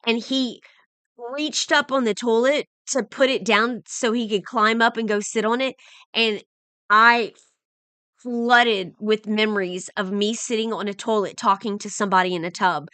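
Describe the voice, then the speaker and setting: Bright-voiced woman telling her story. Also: a little high, fairly even intonation, a little slow, smooth, no room sound. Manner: earnest, emotional, with frequent restarts. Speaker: vlogger. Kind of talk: personal storytelling.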